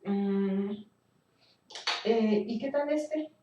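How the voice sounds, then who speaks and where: A woman teaching a speech therapy class, explaining slowly and thinking aloud with fillers and restarts. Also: medium pitch, dark tone, dull audio, soft background music. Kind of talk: recorded class lecture. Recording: echoey room, voice from a distance.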